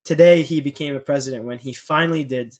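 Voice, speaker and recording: A man's voice: medium pitch, fast talker, darkish tone. A man hosting a casual political podcast chat, speaking sarcastically and chuckling mid-sentence.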